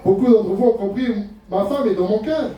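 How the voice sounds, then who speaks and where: This lo-fi clip captures a French pastor in middle age preaching at a moderate pace in a high-sitting voice. Funny and fond of rhetorical questions, he sounds far away in a church hall with heavy echo.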